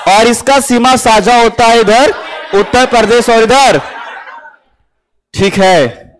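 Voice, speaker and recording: A man's voice: very high-pitched, slow, low-quality recording. A man teaching a classroom lesson with memory tricks, asking his students questions and answering them himself.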